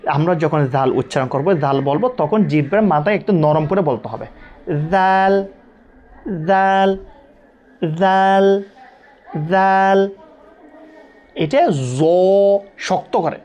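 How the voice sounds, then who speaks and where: A man teaching Quran recitation, drilling letter sounds slowly and repeating each one many times. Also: fairly high pitch, lively intonation, darkish tone, highs cut off.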